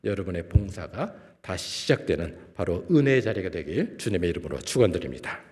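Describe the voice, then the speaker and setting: A man preaching a sermon in a church, asking the congregation questions and swinging between loud and soft phrases. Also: deep voice, very animated, brisk. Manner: asks the congregation rhetorical questions. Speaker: guest preacher, professor. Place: church sanctuary. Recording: long church-hall reverb.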